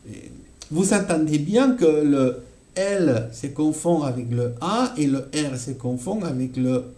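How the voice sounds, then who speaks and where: Slow, mellow-voiced French teacher. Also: male voice, fairly high pitch, animated, roomy sound. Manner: frequent check-ins with "d'accord?" and "voilà"; repeats example phrases slowly. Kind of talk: explaining a grammar lesson.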